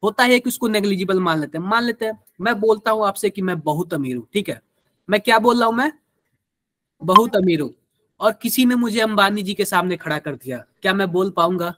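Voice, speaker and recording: A man's voice: high-pitched, fast, a bit bright, no room sound. A man with a Hindi accent teaching a live online chemistry class, quizzing students and using everyday examples.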